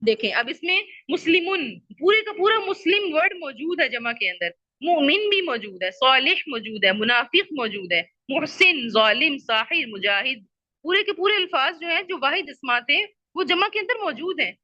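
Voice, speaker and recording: A woman's voice: high voice, very animated, bright, forceful tone, no room sound, highs cut off. A woman teaching an Arabic grammar lesson. She patiently repeats her questions and checks that her students understand.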